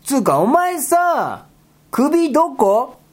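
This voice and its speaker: A woman voicing a bossy, exasperated rabbit character who talks in rough boyish speech and scolds his partner in a comedy skit. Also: high-pitched, very animated, takes it slowly, darkish tone, exaggerated voice. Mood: scolding, exasperated. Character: gruff bossy rabbit guy, exasperated straight man.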